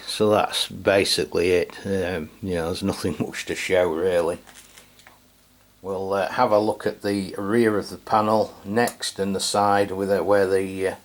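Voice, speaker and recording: An English man hosts a channel and gives a casual, hands-on product review. He speaks in a low-key, hesitant, unscripted way.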